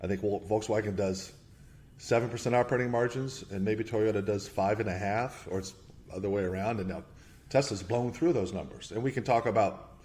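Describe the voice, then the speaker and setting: Man, low voice, animated, lots of restarts, thinks out loud, investment guest on a call. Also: brisk. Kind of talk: podcast interview.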